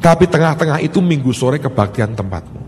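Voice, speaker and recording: A man's voice: fairly high pitch, lively intonation, a little fast, a little mellow, a little hiss or hum. A male pastor, preaching a sermon and acting out both sides of a conversation as he tells a story. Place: large church hall. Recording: hall reverb with faint music.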